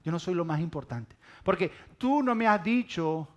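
Figure: a man doing a wheedling, dramatic young woman. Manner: pouting, coaxing, pleading. Pitch: fairly high. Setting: sermon storytelling. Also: animated, moderate pace, muffled recording. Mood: sulky. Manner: pleading and sulky, bursting into shrill alarm cries.

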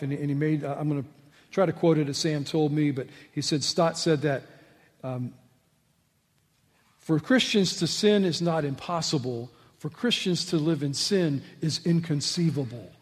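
Emphatic high-voiced preacher in a reverberant hall. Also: male voice. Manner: emphatic, swings between loud rhetorical questions and low asides. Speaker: pastor. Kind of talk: sermon.

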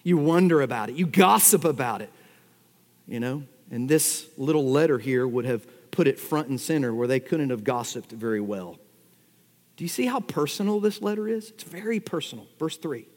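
A man's voice: medium pitch, lively intonation, normal speed. A man preaching an expository sermon, teaching verse by verse and firing rhetorical questions at his congregation. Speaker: pastor. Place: church sanctuary. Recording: long hall reverb.

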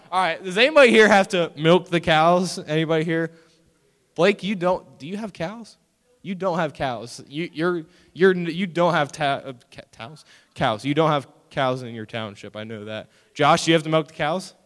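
A man's voice: a little high, long reverb tail. A young man, a youth pastor, chatting with students about chores and then preaching, telling stories with whiny acted-out quotes. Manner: animated storytelling with mock-whiny quoted voices. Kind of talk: youth group sermon.

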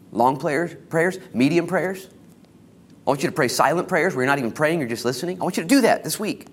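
An American man preaching an informal sermon as a pastor, exhorting in casual, slangy language and shifting between hushed and emphatic delivery. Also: mid-range voice. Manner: casual, colloquial, exhorting, with slangy asides and acted-out quotes.

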